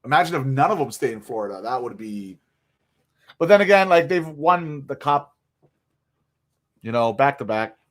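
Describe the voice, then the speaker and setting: A man's voice: medium pitch, lively intonation, moderate pace, long pauses. A young man hosting a casual hockey livestream, chatty and rambling with lots of fillers, tired and yawning from little sleep. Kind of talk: casual live stream chat.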